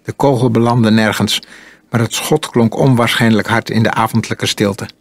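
Male audiobook narrator, calm and measured, lowish husky voice. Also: no echo. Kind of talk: audiobook reading.

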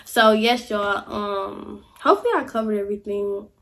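A young woman vlogger sits in a chair in a small indoor room, chatting casually to camera in a life-update video. Her mid-range voice is creaky and moves at a moderate pace, and she gestures animatedly while leaning on "y'all" and "like" again and again.

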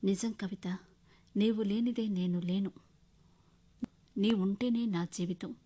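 A woman's voice: medium pitch, steady tone, slow pace, mellow, breathy edge. A woman voicing a remorseful husband who tenderly pleads with his estranged wife in a storybook radio reading.

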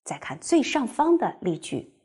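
A woman teaching a language class, explaining step by step and reading example sentences slowly and clearly. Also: on the high side, sing-song, warm tone. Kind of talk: recorded classroom lecture.

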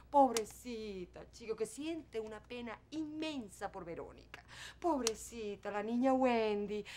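A woman's voice: high voice, fairly bright tone, a little hiss or hum. A bitter, sarcastic mother. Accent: Venezuelan. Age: middle-aged. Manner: sarcastic, cutting. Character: hurt, proud middle-aged mother lashing out at her daughter. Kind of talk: telenovela acting.

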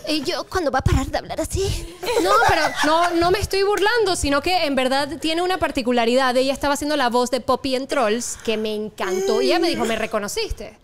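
Lively Panamanian woman telling stories. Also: high-pitched, fairly quick, noisy background. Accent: Panamanian Spanish. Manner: animated storytelling, mixes in English words. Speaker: TV presenter, podcast guest. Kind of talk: casual podcast chat.

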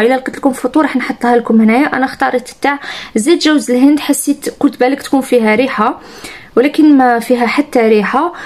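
Algerian woman, beauty vlogger, quick chatty delivery, slightly high voice. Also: a little mellow. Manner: chatty, enthusiastic, addresses viewers directly. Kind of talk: casual product review chat.

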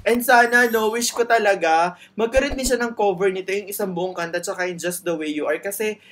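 A reaction video host giving excited commentary, gushing, laughing often and talking straight to the viewers. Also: medium pitch, a little fast. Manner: addresses viewers directly.

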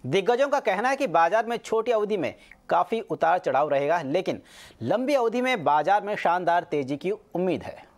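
A news anchor reading a scripted market bulletin in a measured, formal way. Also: mid-range voice, big pitch swings.

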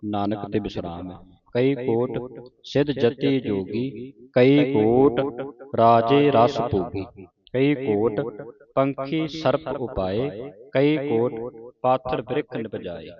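A man teaches how to pronounce scripture, reciting each line and then pausing to correct single words. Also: medium pitch, muffled recording, crowd noise. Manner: recites a verse, then stops to correct a word slowly. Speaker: Gurbani pronunciation teacher.

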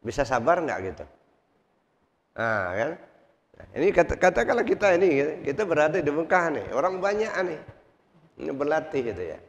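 Male preacher, gravelly voice, teaching a mosque congregation by repeating points and asking rhetorical questions; muffled recording with long hall reverb. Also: on the high side, sing-song, normal speed, pauses often. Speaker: Islamic preacher. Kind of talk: mosque study sermon. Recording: reverberant hall, dull lo-fi sound.

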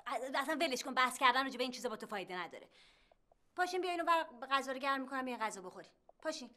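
A woman's voice: sits high, expressive, sharp tone. An actress playing a bossy older sister who scolds her brother, in TV sitcom acting. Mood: scolding.

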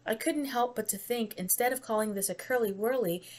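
A woman's voice: a little high, a little fast, darkish tone. A talkative American woman tries a sweet on camera and chats about it in a loose, rambling way. She laughs easily and keeps up friendly small talk with her viewers. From United States. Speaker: vlogger. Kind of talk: casual taste-test vlog.

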